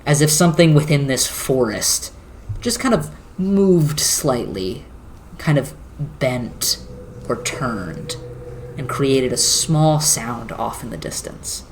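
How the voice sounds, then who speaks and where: A game master narrating a tabletop game, describing a scene in slow, searching phrases with filler words. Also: mid-range voice, lively intonation, a little hiss or hum.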